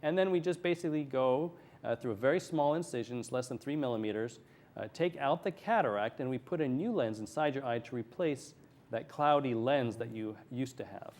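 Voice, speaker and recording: Man, medium pitch, medical expert, TV interview guest, plain step-by-step explanations. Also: animated, fairly quick, darkish tone. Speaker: eye surgeon, interview guest. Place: TV studio.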